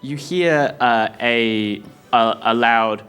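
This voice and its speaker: A man running a tabletop role-playing game, narrating scenes in a loose, rambling, amused way. His voice sits in an ordinary middle pitch, with faint music somewhere in the background. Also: extremely slow, fairly bright tone. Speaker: game director.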